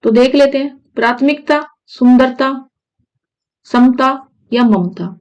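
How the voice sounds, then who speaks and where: A woman's voice: high-pitched, slow, darkish tone, muffled recording, faint music behind. A woman teaching Hindi grammar for exam prep, checking in with her students as she explains. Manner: repeats "ठीक है" often, asks students questions.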